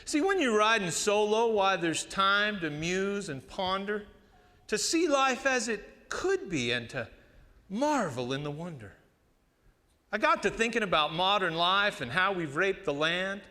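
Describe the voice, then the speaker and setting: A man with an American West cowboy twang recites cowboy poetry in a folksy drawl with dramatic pauses. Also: high voice, big pitch swings, bright, forceful tone. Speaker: cowboy poet. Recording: reverberant hall.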